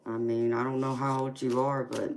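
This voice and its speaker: A woman in her forties from California hosts a relaxed livestream, chatting with viewers and laughing often between remarks. Her voice sits unusually deep and stays flat in tone. Steady background noise and card shuffling are heard behind her. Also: normal speed. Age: 40s. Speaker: tarot reader and livestream host. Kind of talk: casual live chat reading viewer comments.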